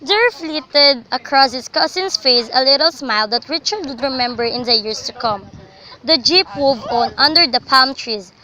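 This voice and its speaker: A young adult woman reads scripted, dramatic story narration for a student radio drama. Her high voice is expressive and sharp at normal speed, captured in a faintly noisy amateur recording.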